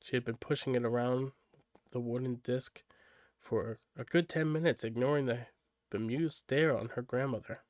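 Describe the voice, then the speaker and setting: A man's voice: medium pitch, normal speed, dry recording. A man reading a story aloud on a live stream, casual and tripping over words now and then. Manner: casual, stumbles and self-corrects while reading.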